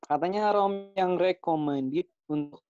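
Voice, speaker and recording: A man's voice: sits high, measured pace, lo-fi sound, over music. A man moderating a webinar, politely relaying audience questions over a video call whose audio keeps breaking up. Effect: choppy audio that keeps cutting out.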